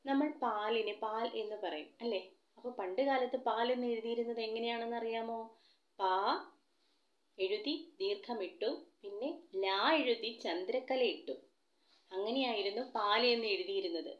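A woman's voice: a little high, normal speed, highs cut off. Echoey Malayali woman teaching children. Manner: coaxing, asks children questions. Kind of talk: children's alphabet lesson. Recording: echoey room.

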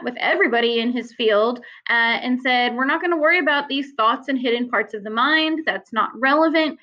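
A woman with a high voice teaches a lecture, explaining ideas in an easygoing, conversational way with the odd "um" and "uh." The recording sounds somewhat dull and lo-fi. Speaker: psychology teacher.

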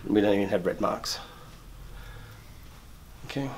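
Middle-aged barber talking through a shave. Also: male voice, lowish voice, a little slow, darkish tone, a little hiss or hum. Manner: explains while working, frequent restarts and repeated words. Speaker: barber and shop owner. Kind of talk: step-by-step grooming demonstration. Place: indoor barber shop.

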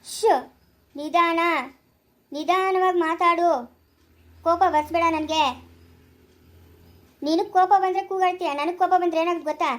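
A woman's voice: very high-pitched, steady tone, moderate pace, pauses often, a bit bright. A woman playing a harsh female police officer who scolds and threatens, in an amateur family drama. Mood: scolding.

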